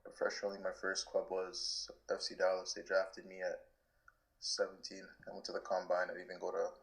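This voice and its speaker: On a low-quality recording, a deep, creaky male voice moves a little fast as a twenty-something Canadian soccer player fields interview questions. His manner is easygoing, packed with "like" fillers and restarted sentences.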